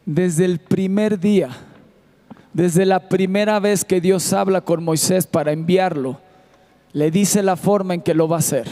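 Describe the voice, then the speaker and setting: A man's voice: sits high, steady tone, unhurried, warm tone. A man preaching a sermon in a church auditorium with a Mexican Spanish accent, sometimes half-singing his lines. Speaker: pastor.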